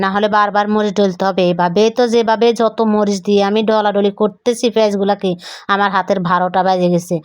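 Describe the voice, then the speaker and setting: Young woman from bangladesh doing a cooking vlog voiceover, chatty step by step, bit hoarse, steady even tone. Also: medium pitch, no room sound, clean studio sound. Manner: chatty, homely, describing each step. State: voice keeps going hoarse. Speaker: cooking vlogger. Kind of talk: recorded voice-over for a cooking vlog.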